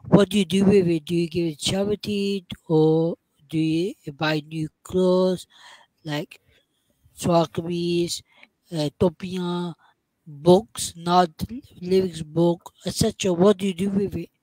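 A man's voice: high-pitched, fairly even intonation, slow, warm tone, dry recording, rough recording. Young male interviewer, dry close sound. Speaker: interviewer, host. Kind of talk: interview questioning. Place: small room indoors on a video call. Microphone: headset mic.

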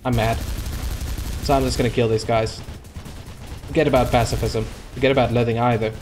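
A man's voice: medium pitch, little pitch movement, brisk, darkish tone, faint music behind. Sarcastic young man playing a video game. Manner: frustrated, sarcastic, talks to the game characters. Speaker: gaming channel host. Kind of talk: let's play commentary. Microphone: desk microphone.

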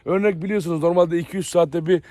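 This dog breeder vlogger from Turkey talks casually to the camera as he walks his outdoor yard and kennels, chatty and often addressing viewers. He speaks quickly in a high-pitched, mellow voice with a steady tone, and the recording is dry.

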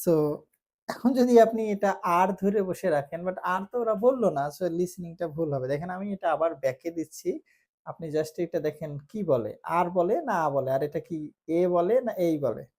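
A woman teaching English pronunciation in a casual lesson, repeating letter sounds slowly to demonstrate. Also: on the low side, lively intonation, darkish tone. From Bangladesh.

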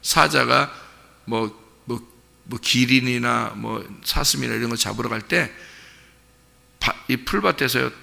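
A middle-aged male pastor giving a dawn service sermon in a church sanctuary, animated and vivid, often putting direct questions to the congregation. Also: mid-range voice, a little slow, creaky. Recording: long church reverb.

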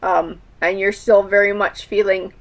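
A woman's voice: medium pitch, level tone, unhurried, a bit bright. A woman doing a tarot reading, speaking thoughtfully with frequent fillers and restarts. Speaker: tarot reader.

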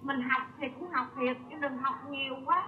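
A woman acting out a doting, nagging Southern Vietnamese country mother in a comedy skit. Her voice runs high and fretful, full of exclamations. It is heard from a distance through muffled, noisy sound with farm animals behind. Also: moderate pace, close to an everyday voice. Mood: fussing. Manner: nagging, sentimental, exclaims constantly. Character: fussy, doting middle-aged countryside mother and wife. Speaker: comic actor.

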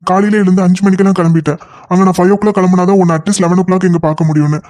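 A man voicing an impatient young lover in a cartoon, talking fast and insistently. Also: high-pitched, fairly even intonation, darkish tone, natural voice. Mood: scolding. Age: young adult. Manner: rapid, insistent scolding. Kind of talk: cartoon voice acting.

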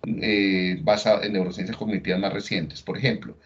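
A man's voice: low voice, moderate pace, a bit bright, slight background noise. A man giving a lecture on slides, talking conversationally and often checking in with tag questions. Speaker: neuroscience lecturer. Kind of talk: recorded lecture explaining slides. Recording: dull lo-fi recording.

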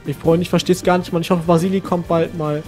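A man's voice: a little high, little pitch movement, fast, a little mellow, faint music behind. A man hosting a gaming channel, playing himself in a role-play with a whiny, complaining way of talking. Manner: whiny and complaining, keeps saying "Mann" and "Bro". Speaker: gaming channel host playing his own character. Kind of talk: casual game role-play.

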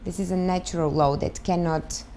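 A woman's voice: lowish voice, steady tone, moderate pace, vocal fry, dark tone, a little hiss or hum. Bulgarian-accented woman in her thirties. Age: 30s. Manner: thoughtful, searching for words, many fillers. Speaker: guest, start-up founder. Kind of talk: interview answers. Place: living room, on a sofa.

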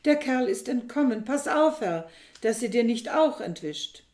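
A woman reading the part of a scheming young servant woman, with brisk, urgent coaxing. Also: on the high side, very animated, voice pushed up. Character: scheming young female servant, sly and eager. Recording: echoey room.

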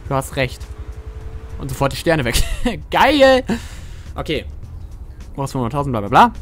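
With a mid-range, slightly bright voice and a somewhat fast pace, a German-accented gaming streamer gives joking, casual let's-play commentary. He chats with viewers and swears freely, while soft music plays in the background.

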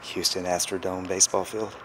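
Awed low-voiced man touring. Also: flat delivery, a little fast, background noise. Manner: awed, hushed, thinking aloud. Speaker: travel vlogger. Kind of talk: walking tour narration. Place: empty hotel suite, indoors.

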